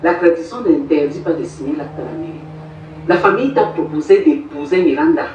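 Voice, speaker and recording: A woman playing a calm, firm mother who lectures and soothes. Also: low voice, brisk, highs cut off, slight background noise, close to an everyday voice. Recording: echoey room, far off, faint music.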